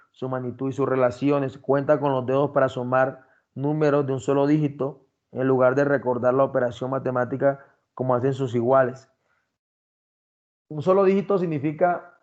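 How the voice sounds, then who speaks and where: A man's voice: mid-range voice, fairly even intonation, normal speed, a little mellow. A man giving a recorded class lecture, explaining criteria step by step and addressing his students directly. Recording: dull lo-fi sound.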